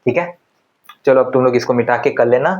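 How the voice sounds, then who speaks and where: A man's voice: mid-range voice, darkish tone, lo-fi sound. Chatty male chemistry teacher. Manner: conversational, asks students quick questions and answers them himself. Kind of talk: classroom lecture.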